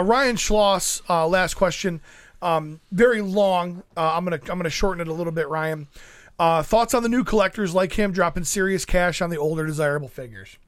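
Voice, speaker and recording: A man's voice: fairly high pitch, no room sound. A man hosting a casual podcast, chatting loosely with many fillers and reading out listener questions. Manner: rambling, many fillers, laughs easily. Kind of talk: casual chat.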